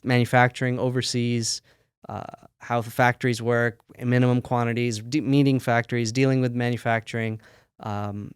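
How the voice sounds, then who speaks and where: In a clean studio recording without echo, a smooth, mid-range male voice belongs to the American founder of a sock company. He recounts his story casually for a podcast interview, sprinkling in fillers and easy laughter.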